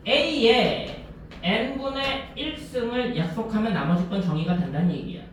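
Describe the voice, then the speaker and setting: A male teacher lectures a class, constantly firing short check questions at his students. His voice sits high for a man. He is caught from a distance in a strongly echoing classroom. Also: a little hiss or hum. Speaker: math teacher.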